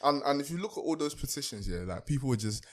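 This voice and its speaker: A man's voice: medium pitch, expressive, fast talker. A man, a podcast guest talking in a casual, laid-back, drawling way. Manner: laid-back, drawling, repeats words while storytelling. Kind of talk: casual chat.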